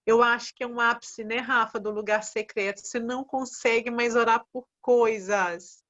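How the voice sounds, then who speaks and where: Animated woman hosting a faith talk. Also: on the high side, normal speed. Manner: animated, acts out prayers in quotes. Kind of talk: casual faith conversation. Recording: dull lo-fi sound.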